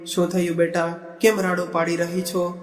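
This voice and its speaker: A worried mother in a storybook, read by a man in a high, flat voice. She speaks in a plain, even way. The sound is echoey and roomy, with soft music underneath. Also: normal speed, close to an everyday voice. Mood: firm. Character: worried mother of a grown daughter.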